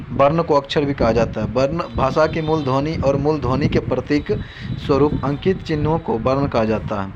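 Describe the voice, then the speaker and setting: A male teacher giving a grammar lesson. He recites letters slowly and turns key points into questions that he answers himself. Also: mid-range voice. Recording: dull lo-fi recording with steady hiss.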